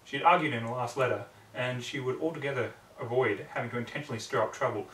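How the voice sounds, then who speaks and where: A man does a dramatic story reading, narrating in a brooding, theatrical manner and often in clipped fragments. His voice is medium-pitched, quick and a bit bright. The distant microphone picks up a roomy echo.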